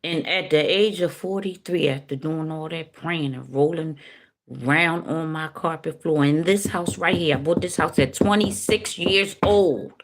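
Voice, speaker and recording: A middle-aged woman telling an emotional healing testimony straight to her listeners, preachy and impassioned, with sudden high, loud bursts. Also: a little slow. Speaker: speaker sharing a healing testimony. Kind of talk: emotional testimony addressed to the audience.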